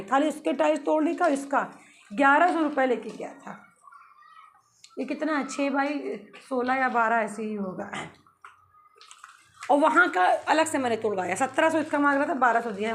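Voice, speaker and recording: A woman's voice: high voice, slight background noise. A woman vlogging from her home under renovation, ranting with indignation and laughing as she tells her story. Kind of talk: casual vlog talk.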